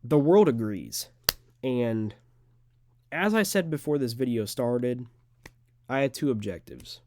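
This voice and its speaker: A man's voice: mid-range voice, animated, slow pace, noisy background. A young man, an amateur fighter, talking straight to camera in an unedited, rambling monologue full of filler words. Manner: rambling, earnest, filler-heavy.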